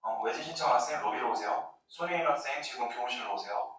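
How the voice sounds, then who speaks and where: Man, school intercom announcement, fast-paced, echoey far-off loudspeaker, faint hiss. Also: mid-range voice, lively intonation. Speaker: school staff member making announcements. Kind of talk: public address announcement. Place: school building, heard through a classroom speaker.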